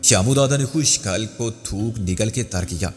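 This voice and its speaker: A man narrating a crime thriller novel as an audiobook, with steady storytelling. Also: lowish voice. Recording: long hall reverb with faint music.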